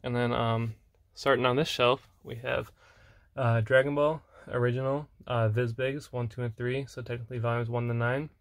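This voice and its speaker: A young man casually showing off his manga collection, rambling with fillers and soft laughs. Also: medium pitch, level tone, moderate pace, dry recording, clean studio sound.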